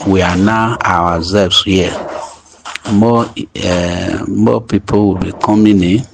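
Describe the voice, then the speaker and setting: A man speaking in a voice message played back to listeners, urging a group to stay calm in a halting way, restarting his phrases. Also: low voice, gravelly, crowd noise, poor audio. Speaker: group leader addressing members. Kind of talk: voice note update to a group.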